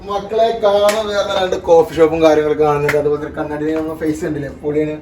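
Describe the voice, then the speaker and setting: Higher-voiced man, Malayalam-English mix, noisy. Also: fairly even intonation, quick pace, darkish tone. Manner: Malayalam mixed with English slang words. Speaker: vlogger. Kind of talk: casual vlog to viewers. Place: hotel room and surroundings, on the move. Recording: noisy handheld vlog, ambient background noise.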